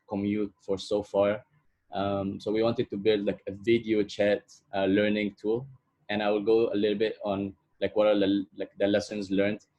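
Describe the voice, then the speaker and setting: A man's voice: fairly low pitch, darkish tone. A young man from Egypt giving an online presentation as a product manager, talking casually with many fillers like "uh" and "like".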